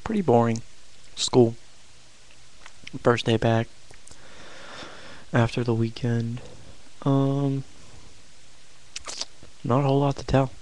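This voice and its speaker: A young adult man chatting casually to a vlog audience in a flat, low-energy, hesitant way with long pauses. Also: a little hiss or hum, low-quality recording. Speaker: video blogger.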